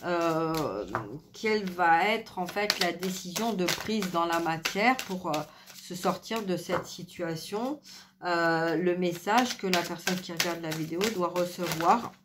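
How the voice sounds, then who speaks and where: Woman doing a card reading, voice going, talks low and soft, lots of ums and restarts. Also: a little slow, noisy background. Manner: hesitant, many fillers and restarts. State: losing her voice, speaking softly. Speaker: tarot card reader. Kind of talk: spiritual reading to camera.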